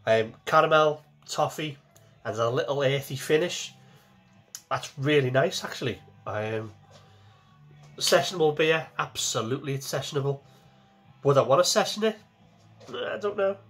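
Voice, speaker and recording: A man's voice: fairly high pitch, animated, normal speed, pauses often, fairly bright tone, soft background music. A man in his forties, talking casually to camera from a small home kitchen as he reviews a beer, chatty and repeating himself as he goes.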